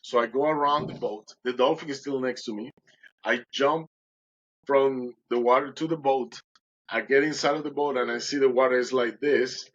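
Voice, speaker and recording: A man's voice: mid-range voice, steady tone, moderate pace, a bit bright, highs cut off. A man, a podcast guest, telling his personal story in an earnest, emotional way and often restarting his sentences.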